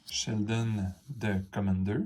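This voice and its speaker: A man's voice: fairly low pitch, little pitch movement, slow, a little mellow, a little hiss or hum. Chatty Quebec man opening cards. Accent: Quebec French. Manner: rambling, many fillers and asides. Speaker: card-opening video host. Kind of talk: casual unboxing chat to camera.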